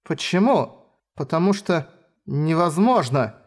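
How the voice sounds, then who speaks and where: A man's voice: a little high, lively intonation, slow pace, pitched above the performer's own voice. A man voicing an earnest, brave young noblewoman trained with the sword, speaking in a raised, girlish register. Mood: uneasy.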